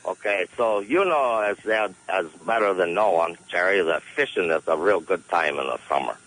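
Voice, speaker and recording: A man's voice: low voice, animated, normal speed, fairly bright tone, slight background noise, low-quality recording. A man playing a folksy, scheming caller who speaks broken English on a radio call-in show. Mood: jokey. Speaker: comic call-in character. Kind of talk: radio call-in comedy bit.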